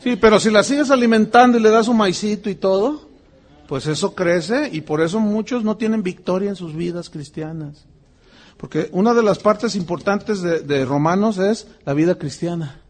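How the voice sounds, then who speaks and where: A man's voice: high-pitched, moderate pace. A middle-aged man with a Mexican Spanish accent, preaching a sermon and telling stories with acted-out voices. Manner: animated storytelling, acts out voices. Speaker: pastor.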